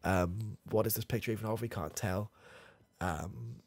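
An ASMR comedy creator does a muddled, proud British grandad who is clueless with technology, rambling and hesitant, full of fillers and restarts. His voice is fairly low, steady in tone, at normal speed, gravelly and husky. The roleplay is shot close-miked in a small, dim room with coloured lights, his face near the camera, with no echo.

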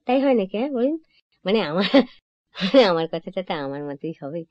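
This old, dull lo-fi recording catches an actress in a comic monologue as a chatty young divorcee, lightly acted in a medium-pitched voice that runs a little fast with no room sound. She's lively, confides in listeners, and keeps correcting herself.

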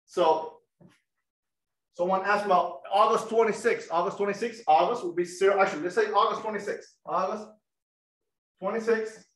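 Energetic Cuban-accented man teaching online. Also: high-pitched, moderate pace, reverberant, low-quality recording. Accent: Cuban Spanish. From Cuba. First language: Spanish. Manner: energetic, asks students questions. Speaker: guest lecturer. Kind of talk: online math lesson.

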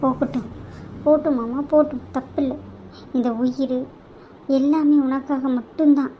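A woman voicing a hurt young wife in an animated cartoon, tearful, reproachful and pleading with her husband. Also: sits high, moderate pace, highs cut off, slight background noise, lightly acted. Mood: anguished.

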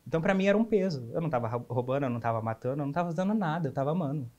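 A man's voice: a little high, expressive, rapid-fire, darkish tone, muffled recording. A young man in his twenties with a Brazilian Portuguese accent, a guest speaking openly and earnestly about his life, with frequent restarts. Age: 20s. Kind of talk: candid personal interview.

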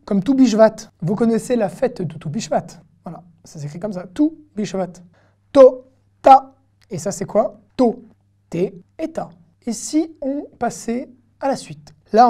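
A woman teaching an online language lesson in a mellow, warm voice. She sounds out each syllable slowly and patiently. She often pauses to check that her viewers are following. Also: medium pitch.

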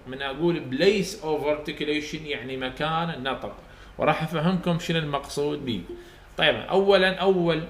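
Iraqi male lecturer, patient step-by-step explainer, fairly high voice, echoey classroom sound. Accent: Iraqi Arabic. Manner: explains step by step, repeats sounds aloud for students to copy. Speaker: university English phonetics teacher. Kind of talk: recorded lecture for students.

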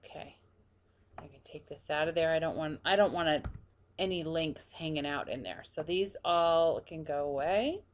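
A woman narrating a screen-recorded software tutorial, quietly talking through each step as she clicks. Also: low voice, moderate pace, a little hiss or hum. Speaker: tutorial presenter.

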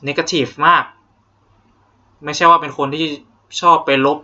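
Speaking at a medium pitch with a bright, forceful tone, a young Thai man runs an online English vocabulary lesson in his Thai accent. His manner is playful and jokey, exaggerating pronunciation as he drills words, and the home recording sounds dull and lo-fi.

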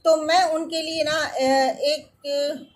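A woman's voice: sits high, little pitch movement, drawn-out words. A woman in her thirties talks casually to her viewers from an indoor room, giving earnest, reassuring skincare advice and often asking if they follow. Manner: earnest, reassuring, often adds "theek hai na". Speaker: beauty and skincare vlogger.

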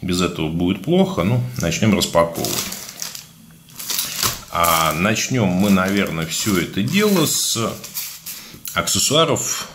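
A man with a speech impediment on his r's, giving a casual, halting product review as a video blogger. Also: low-pitched, very animated, noisy background. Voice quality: burred, defective r sound. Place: indoors, at a table, hands-only shot.

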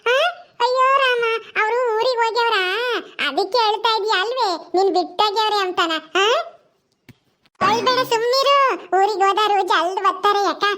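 A woman doing a slow, childlike village girl. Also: very high-pitched, pushed and bright, pitched below the performer's own voice. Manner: slow, soothing, repeats herself. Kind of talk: village comedy skit.

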